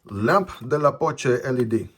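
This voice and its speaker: A man whose first language is Chinese reviews a product, chatting casually through the unboxing and often ending sentences with "right?". His mid-range voice is a bit bright, with lively intonation and an unhurried pace. It's recorded on a phone camera with slight background noise.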